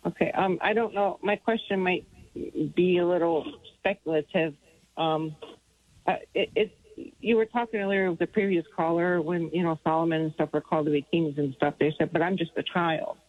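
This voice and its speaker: A woman's voice: lowish voice, fairly even intonation, moderate pace, no room sound. Woman phoning in to a radio show, kinda muffled dry line, lots of ums. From Arkansas. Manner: hesitant, thinking aloud with many fillers. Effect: caller heard over a phone line on a radio show. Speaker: caller. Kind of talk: radio call-in question. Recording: dull lo-fi phone line, dry.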